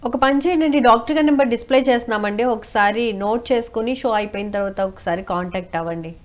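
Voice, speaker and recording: A woman hosting a live phone-in health show, politely and briskly questioning the callers. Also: on the high side. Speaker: show host taking calls.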